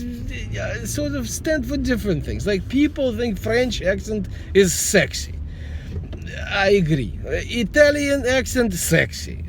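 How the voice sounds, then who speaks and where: This middle-aged man, a vlogger with a Russian accent, speaks in a very high voice with a faint hiss or hum on the audio. He's driving his car, joking dryly through a rambling, casual monologue that often starts over.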